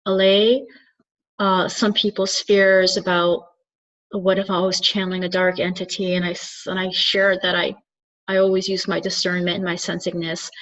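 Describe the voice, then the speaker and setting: An earnest Turkish woman, a soul coach and spiritual channeler, talks alone to the camera in a reflective monologue, her voice medium-pitched and fairly bright. She hesitates, searches for the right words, and restarts often, all on slightly dull lo-fi audio.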